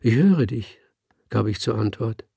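A man voicing a calm, cool male leopard in a slow, even storybook reading. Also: lowish voice, creaky, breathy edge, dry recording, studio quality, full character voice. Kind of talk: audiobook reading.

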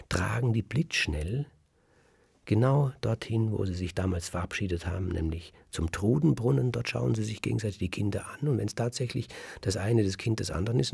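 Low, gravelly male storyteller. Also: no echo. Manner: lively, dramatic, drops to a whisper for suspense. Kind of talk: oral folk-tale storytelling.

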